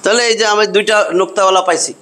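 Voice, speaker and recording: High-voiced man drilling letter sounds. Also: steady tone, racing, sharp tone. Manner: patient, repeats letter sounds over and over. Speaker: Quran reading teacher. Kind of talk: classroom lesson.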